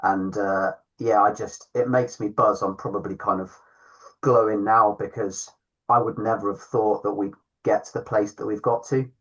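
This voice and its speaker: Upbeat club founder. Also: male voice, lowish voice, little pitch movement, moderate pace, a bit bright, low-quality recording. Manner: self-deprecating, enthusiastic. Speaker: club founder, podcast host. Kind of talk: casual chat.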